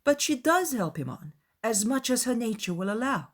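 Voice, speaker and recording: A woman playing a witty, spirited young gentlewoman with a wry manner in a dramatized audiobook. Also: a little high, big pitch swings, normal speed, pitched above the performer's own voice. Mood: reasoning, firm.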